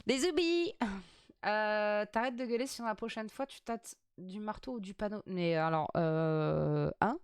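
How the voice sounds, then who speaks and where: A woman's voice: medium pitch, unhurried, hardly any pauses, clean tone, no room sound, clean studio sound. A woman streamer chatting casually and playfully while reacting to a TV quiz, swearing freely.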